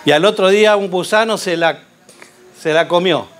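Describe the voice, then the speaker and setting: A man preaching a sermon, telling a Bible story with rhetorical questions and lively storytelling. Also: high voice, normal speed.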